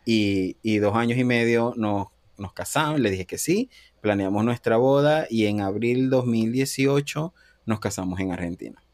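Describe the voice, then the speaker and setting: A man in his thirties from Panama, a guest in a casual interview, recounts a personal story in a lowish voice at a moderate pace. He's lively about it, acting out quoted lines and laughing often.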